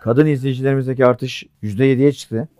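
A young man co-hosting a casual comedic chat show, teasing his partner with quick retorts. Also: medium pitch, fairly even intonation, over loud music. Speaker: co-host.

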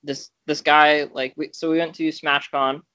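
A man's voice: fairly high pitch, little pitch movement, unhurried, sharp tone, clear, resonant tone, no room sound. Rambling young man on a podcast. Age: young adult. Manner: rambling with many fillers and restarts. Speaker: podcast co-host. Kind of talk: casual chat.

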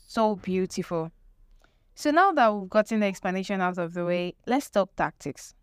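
A woman's voice: mid-range voice, clean tone, dry recording, clean studio sound. A woman presenting an explanatory lesson with tips, emphatic, repeating key phrases and posing rhetorical questions. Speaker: presenter teaching marketing tips.

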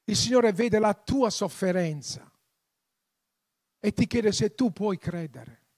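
Very high-voiced male preacher. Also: lively intonation, takes it slowly, husky. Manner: impassioned preaching, swelling to loud emphatic appeals. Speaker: pastor. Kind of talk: sermon.

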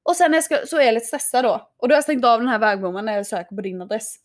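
A young woman chatting casually, telling an animated story, laughing often and acting out what people said. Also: on the high side.

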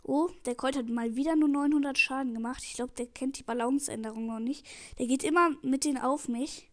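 A teenage girl giving excitable live commentary on her own match, pleading and calling out every move into a headset mic. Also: sits high, brisk. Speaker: gamer streaming her match.

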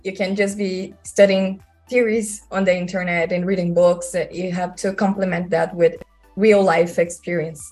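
A woman's voice: lowish voice, flat delivery, moderate pace, a little mellow. Brazilian woman, chatting as a filmmaker guest, music behind her. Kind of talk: conversational interview answers.

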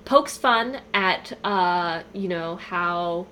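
A woman's voice: fairly low pitch, very slow, bright, forceful tone, slight background noise. A woman in casual chat, reading a list aloud and jumping into playful voices when she quotes lines.

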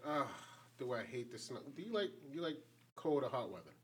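A man's voice: mid-range voice, sing-song, fairly quick, breathy edge. A man hosting a casual podcast chat, firing off probing questions. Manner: keeps asking probing questions. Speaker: podcast host.

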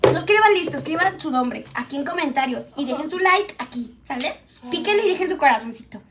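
Chatty high-voiced woman live-streaming. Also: animated, a little fast, background noise. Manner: chatty, reads viewer comments aloud, tends a small child. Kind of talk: casual live-stream chat while eating. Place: home, at a meal.

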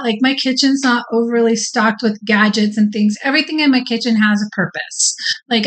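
Chatty woman with a higher voice. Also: a bit bright, low-quality recording. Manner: chatty storyteller, laughs easily. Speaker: podcast co-host. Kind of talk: casual chat.

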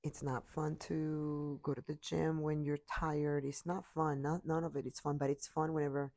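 A woman's voice: low-pitched, little pitch movement, normal speed, a little mellow. A tired woman giving an earnest, repetitive motivational talk into her computer mic.

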